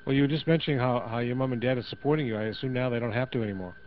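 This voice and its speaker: A man's voice: mid-range voice, racing. A man hosting a casual radio interview, friendly and joking, asking short questions. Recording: dull lo-fi radio audio with faint hiss.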